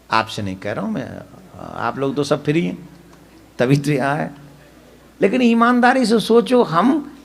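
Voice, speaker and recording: A man's voice: high-pitched, vocal fry, fairly bright tone. A man preaching a devotional katha sermon, emphatic and full of rhetorical questions to the audience.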